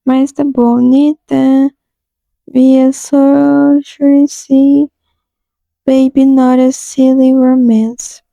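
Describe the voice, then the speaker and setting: A young woman in a casual lesson, reading English song lines slowly and then explaining them in a chatty way. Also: sits high, creaky, warm tone, dry recording, low-quality recording. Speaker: song lyrics teacher.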